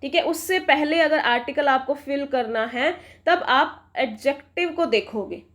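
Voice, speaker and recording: A woman teaching grammar, explaining step by step in Hindi mixed with words and often asking her students whether it is clear. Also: sits high, a little slow, a bit bright. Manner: checks understanding with frequent questions. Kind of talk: classroom explanation.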